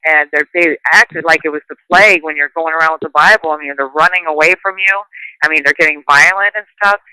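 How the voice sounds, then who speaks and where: Woman, talk host, emphatic, earnest, long run-on sentences, very bright voice. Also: low voice, fast, smooth, no echo, low-quality recording. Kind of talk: casual conversation.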